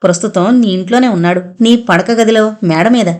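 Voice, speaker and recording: A woman's voice: medium pitch, brisk, darkish tone, lightly acted. A woman reading a mocking, cryptic sorceress. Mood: taunting. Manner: taunting, cryptic warnings.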